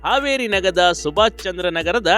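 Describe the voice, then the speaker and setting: A male news narrator reads a scripted voice-over in a high-sitting, bright, pushed voice with lively intonation at normal speed. His delivery is emphatic and dramatic, with folksy asides to the viewer, over faint music.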